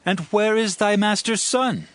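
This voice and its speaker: A man's voice: high-pitched, measured pace, a bit bright. An actor playing a grieving, dignified exiled king in a dramatized audio Bible, speaking in a solemn, commanding, formal manner. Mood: questioning, stately.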